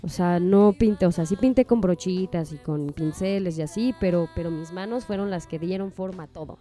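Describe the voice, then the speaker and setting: A woman's voice: on the low side, fairly quick, mellow, soft background music. A woman with a Mexican Spanish accent, a singer-songwriter telling a story in a chatty, casual way and laughing between sentences.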